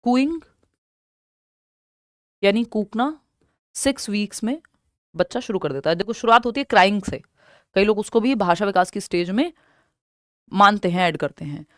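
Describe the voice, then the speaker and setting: A young woman with an Indian accent teaching an exam-prep lesson. She explains step by step, repeats key terms slowly and asks questions that she answers herself. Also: mid-range voice, lively intonation, no room sound, studio quality.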